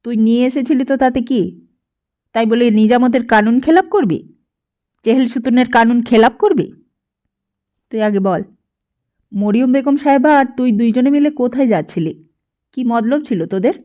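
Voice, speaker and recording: A woman reading an audiobook, voicing a rough, suspicious male henchman questioning a prisoner. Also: on the high side, moderate pace, pauses often, warm tone, dull audio, close to an everyday voice. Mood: interrogating. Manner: rough, interrogating.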